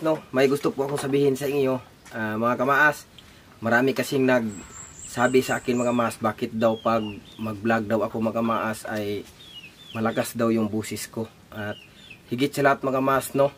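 A man vlogging casually, speaking loudly to a distant camera on a stand with no microphone, repeatedly addressing his viewers. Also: mid-range voice, fairly even intonation, moderate pace, pauses often, slight background noise. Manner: repetitive, keeps addressing viewers. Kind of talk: casual vlog talk to viewers. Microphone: camera on a stand far away, no microphone.

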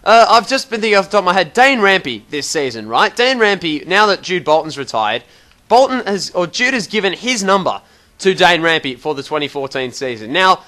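A man's voice: high voice, very animated, moderate pace, sharp tone. Chatty Australian man explaining a game. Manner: rambling and chatty, full of fillers and restarts, mildly exasperated. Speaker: gaming video host. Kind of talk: casual game tutorial commentary.

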